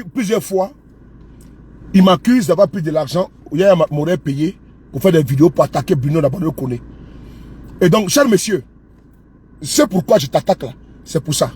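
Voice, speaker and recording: A man's voice: high voice, darkish tone, breathy edge. A man, an online commentator, delivering a mocking rant that scolds and spells words out.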